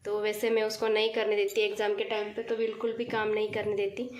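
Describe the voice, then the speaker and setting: A woman's voice: medium pitch, little pitch movement, quick pace. A woman in her thirties from India, chatting casually while she cleans her kitchen. She is getting over a cold and her throat is still sore. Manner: chatty, talking while working. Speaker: village vlogger. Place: home kitchen, tiled and echoey. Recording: echoey kitchen, faint noise.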